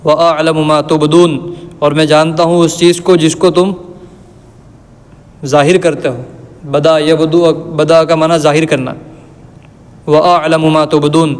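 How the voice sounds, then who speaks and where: A man giving a religious lesson, reciting verses slowly and then explaining them in plain everyday words. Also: on the high side. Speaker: Quran teacher. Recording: long reverb.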